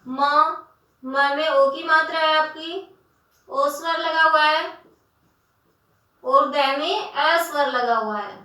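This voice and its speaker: A woman teacher with a very high, bright voice walks students through a spelling lesson, patiently breaking each word into its syllables. The sound bounces around a bare, echoey room, and she is heard from a distance. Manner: patient, addresses students as "beta"; spells words out slowly, syllable by syllable.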